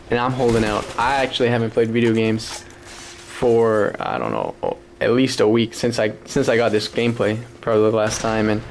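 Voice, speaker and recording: A man, hoarse from losing his voice, giving casual game commentary from his apartment, rambling and swearing with frequent laughs. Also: medium pitch, slight background noise. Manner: rambling, profane, laughs often. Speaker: gaming commentator. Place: apartment at home.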